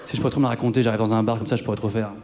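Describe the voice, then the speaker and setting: A man's voice: on the low side, flat delivery, racing. A man in his thirties doing live stand-up comedy on a theater stage, chatting with the audience and mocking himself. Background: guitar music.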